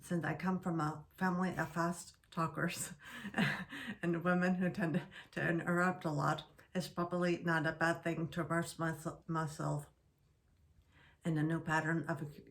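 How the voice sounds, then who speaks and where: Low flat-voiced woman speaking haltingly. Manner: slow halting speech with restarts. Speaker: guest sharing stroke recovery. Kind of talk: reading prepared remarks.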